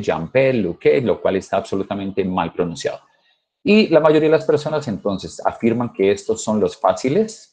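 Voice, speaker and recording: A man teaching English over a video call, emphatic and urging his students to practice out loud. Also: fairly low pitch. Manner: emphatic, coaxing students to repeat. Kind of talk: online class teaching.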